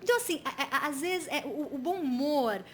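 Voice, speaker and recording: A woman's voice: high-pitched, lively intonation, normal speed, a little hiss or hum. A Brazilian woman pastor, an interview guest, telling a personal story in an earnest, reflective way with frequent restarts.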